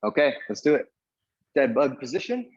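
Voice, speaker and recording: A man's voice: medium pitch, sing-song, moderate pace, husky, highs cut off. A man coaching a live workout in an echoey indoor room, giving short cues and counting reps as he exercises along. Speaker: fitness coach leading a workout class.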